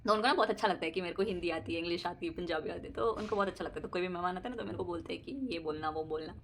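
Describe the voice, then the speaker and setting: A woman's voice: fairly low pitch, fairly even intonation, rapid-fire, slight background noise. A young adult woman vlogger chatting casually to camera about her daily life, laughing often and mixing in English words. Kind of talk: casual personal chat to camera.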